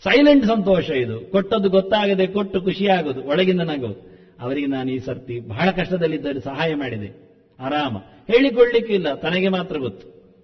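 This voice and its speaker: A man giving a spoken discourse, chanting verses and explaining them with animated rhetorical questions. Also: on the high side, normal speed, big-room sound, highs cut off. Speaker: scholar giving a discourse on the Mahabharata.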